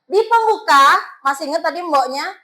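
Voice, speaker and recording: A woman's voice: sits high, expressive, normal speed, pushed and bright, rough recording. A woman teacher with a Balinese accent, coaxing her students with questions as she teaches a class.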